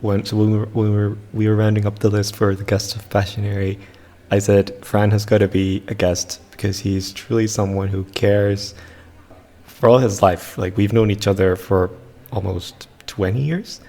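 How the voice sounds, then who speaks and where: A man in his twenties co-hosting a podcast, chatting in a relaxed, rambling way. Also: lowish voice, moderate pace. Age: 20s. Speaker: podcast co-host. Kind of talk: casual interview chat.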